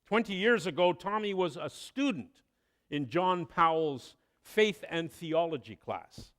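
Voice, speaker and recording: A man preaching a sermon, telling a story with expressive delivery and dramatic pauses. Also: a little high. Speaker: pastor.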